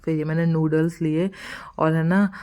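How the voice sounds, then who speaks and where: A young woman talks through her vlog in a relaxed, rambling voice-over and laughs at her own asides. Her voice sits a little low for a woman. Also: normal speed. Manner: chatty, rambling, laughs at herself. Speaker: vlogger.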